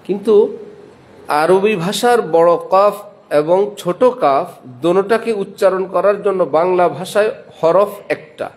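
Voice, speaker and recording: Speaking in a Bangladeshi Bengali accent, this man, a madrasa principal, delivers a religious sermon in a voice that sits high. He quizzes his audience, supplies the answers himself, and slowly sounds out letters one at a time.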